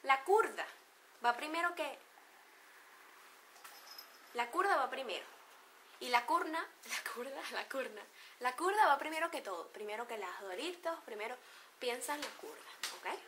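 Venezuelan woman vlogger, slightly high, sharp bright tone, teasing and chatty. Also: sing-song, normal speed, pauses often, a little hiss or hum. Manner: playful, laughs often, acts out slang examples. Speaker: beauty vlogger. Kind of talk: casual chat to camera.

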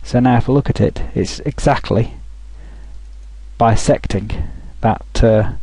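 A man talking through a software tutorial over a screen recording, thinking aloud with frequent restarts. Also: mid-range voice, measured pace, no echo, low-quality recording.

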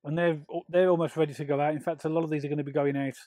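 A middle-aged man with a fairly high speaking voice talks through a garden tour, friendly and explanatory. The sound is dry and close, with no room echo around it. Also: very fast. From England. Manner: friendly, explanatory, steady walkthrough. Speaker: allotment gardening channel host. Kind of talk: walking garden tour with tips. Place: outdoor allotment and polytunnel.

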